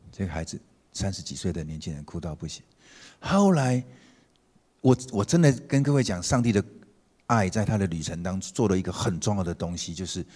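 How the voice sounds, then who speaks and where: A man, a pastor telling a story in his sermon, swinging from emphatic to hushed and tender. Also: deep voice, husky. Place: church sanctuary. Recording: long church-hall reverb.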